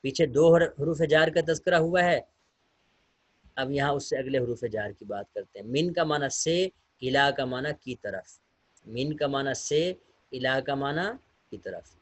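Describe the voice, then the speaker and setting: Speaking in a mid-range, unhurried voice on a dry recording, a male teacher delivers a recorded online Arabic lesson. Each short sentence he reads aloud is then translated and explained step by step as he patiently addresses his students.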